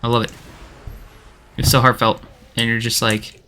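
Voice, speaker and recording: Bright-voiced man rambling while gaming. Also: medium pitch, flat delivery, moderate pace, clear, resonant tone. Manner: rambling, chatty, lots of fillers and restarts. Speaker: gaming streamer. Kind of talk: casual chat while playing.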